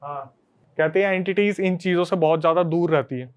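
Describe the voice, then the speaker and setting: Man with a smooth, higher voice. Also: fairly quick. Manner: animated, conversational retelling to friends. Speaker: podcast host telling a story. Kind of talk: casual storytelling chat.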